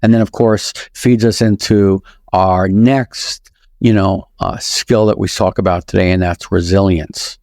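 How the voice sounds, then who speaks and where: Gravelly new york guy on a podcast, punchy, listing his points, dry sound. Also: sits low, steady tone, a little slow, darkish tone, dry recording. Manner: emphatic, lays out points as lists. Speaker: guest, real estate broker and author. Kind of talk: casual podcast conversation.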